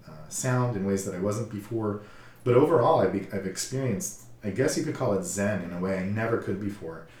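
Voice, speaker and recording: A man who works as a counselor, telling a personal story in a calm, reflective way, halting often with fillers. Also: on the low side, echoey room, far from the mic.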